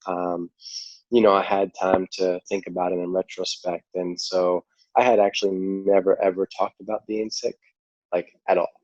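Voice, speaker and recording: A man with a New York accent telling his story as a podcast guest, relaxed and rambling, full of "like" and "you know.". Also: deep voice, normal speed, dry recording. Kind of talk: casual interview storytelling. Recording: dull lo-fi audio.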